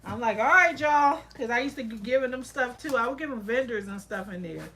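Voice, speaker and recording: A woman's voice: on the high side, fast talker, slight background noise. A woman hosting a casual livestream, chatting and venting, laughing often and quoting herself. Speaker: soap and candle maker hosting a livestream. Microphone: laptop microphone.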